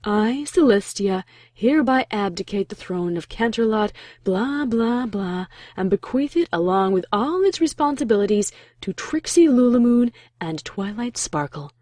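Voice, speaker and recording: A regal pony princess from a cartoon fan drama , acted by a woman, with a soft, mellow tone. She is composed and nonchalant, quietly sly, as if no crisis could bother her. The sound is dry and intimate. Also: medium pitch, animated, normal speed, no room sound, natural voice. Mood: breezy. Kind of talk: fan fiction audio drama acting.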